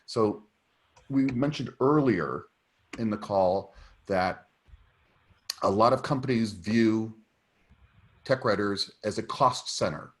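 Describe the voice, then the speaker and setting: A man's voice: lowish voice, takes it slowly, long pauses. Emphatic man on a video call. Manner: emphatic, advising, with fillers and restarts. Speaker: technical writer at a meetup. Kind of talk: casual video call discussion.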